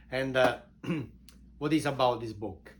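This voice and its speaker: An Italian man with an Italian accent and a mid-range voice informally introduces his book in halting non-native English, repeating words for emphasis. He's an author and show host, and a slight hiss or hum sits under the audio.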